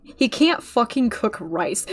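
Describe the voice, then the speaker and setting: A young woman hosting a casual reaction chat, swearing freely, laughing often and talking in quick bursts. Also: a little high, big pitch swings. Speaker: reaction video host. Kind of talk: casual commentary chat while watching a show.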